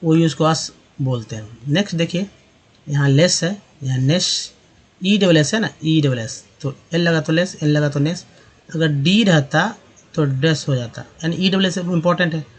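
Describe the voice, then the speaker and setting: A man teaching English pronunciation in Hindi, spelling out words letter by letter and repeating vowel sounds slowly while checking in with viewers. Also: on the high side, breathy edge. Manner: addresses viewers as friends, checks understanding with tag questions. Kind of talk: explaining pronunciation with examples.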